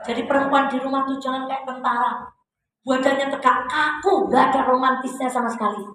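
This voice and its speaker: Woman preacher, Javanese accent, lively sermon, high voice, very echoey hall with faint hiss. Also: fairly quick. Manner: lively, acts out wife and husband voices. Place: women's study gathering in a hall.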